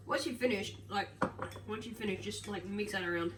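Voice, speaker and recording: A woman with a mid-range, nasal voice talks briskly through a get-ready-with-me vlog, rambling with lots of fillers and self-corrections as she moves around her kitchen and other rooms. She's far from the mic in an echoey space, with household noise in the background.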